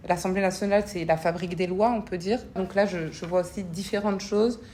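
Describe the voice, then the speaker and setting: A woman who grew up between French and Congolese cultures, a parliamentary assistant and association founder, answers interview questions reflectively, earnest and searching, often repeating words. Her voice is low, dark, fairly even in intonation and brisk, with a little hiss or hum in the recording.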